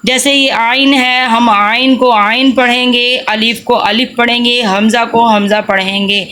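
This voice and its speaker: Bright-voiced woman teaching slow recitation. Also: fairly high pitch, slight background noise. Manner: spells out letters and vowel marks, then repeats them slowly. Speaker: Quran reading teacher. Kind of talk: slow syllable-by-syllable recitation lesson.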